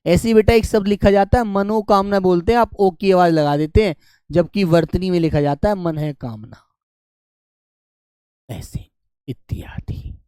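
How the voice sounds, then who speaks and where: A man teaching an online grammar class, fondly calling his students "beta" and repeating key words slowly for them to write down. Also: high-pitched, warm tone, smooth, no echo. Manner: affectionate, calls students "beta" and "my dear children".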